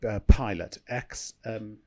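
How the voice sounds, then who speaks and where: A man's voice: fairly low pitch, takes it slowly, warm tone. A man, a former pilot, telling rambling anecdotes in a casual podcast chat.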